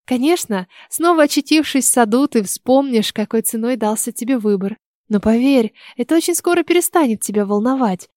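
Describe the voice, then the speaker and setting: A woman's voice: on the high side, warm tone, no room sound, studio quality, natural voice. A woman reading the lines of a cruel, cunning old witch in an audiobook, speaking in a coaxing, menacing way.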